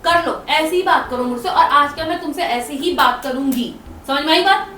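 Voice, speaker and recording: A woman's voice: sits high, normal speed, sharp tone, roomy sound, slight background noise. A woman hosting a home video and bickering with her husband, snappy and defiant, firing back repeated retorts. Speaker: channel host, wife in a staged prank. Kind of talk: casual domestic argument.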